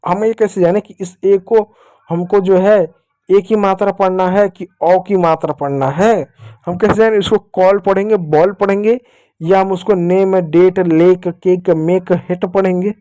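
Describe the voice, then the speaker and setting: A male teacher with a high, warm voice and fairly even intonation speaks a little slowly during an online lesson for young children. He patiently drills each point, poses questions he answers himself, and writes with a digital pen as he talks, with no room sound.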